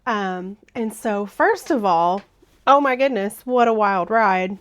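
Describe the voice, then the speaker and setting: A woman with a hoarse, froggy voice talks casually through a cozy knitting vlog. She rambles in a friendly, chatty way, pitched at an ordinary middle range for a woman. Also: expressive, slow pace. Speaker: knitting vlogger.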